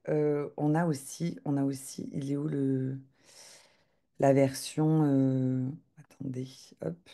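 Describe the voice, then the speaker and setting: Hesitant woman with a mellow voice. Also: low voice. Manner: hesitant, many filler sounds and restarts. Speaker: web designer giving a live software demo. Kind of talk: live screen-share demo over a video call.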